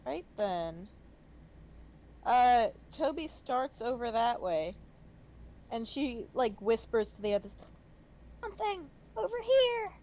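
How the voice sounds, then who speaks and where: Female player, slightly high voice, very unhurried, chatty. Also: expressive, darkish tone. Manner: chatty, describes her moves aloud. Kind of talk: casual tabletop game play.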